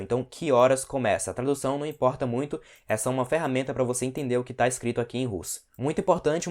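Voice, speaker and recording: Guy teaching online, mid pitched voice, patient, keeps checking in, slows down on example words. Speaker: language teacher. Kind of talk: online language lesson.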